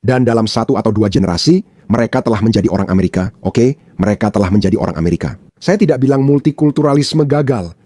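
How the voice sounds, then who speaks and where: A man from Pakistan delivers pointed commentary in a mellow, relaxed tone. He stresses his points by repeating them, and the dry recording has no room sound. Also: lowish voice, fast, no room sound. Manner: emphatic, repeats points for effect. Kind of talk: opinionated commentary.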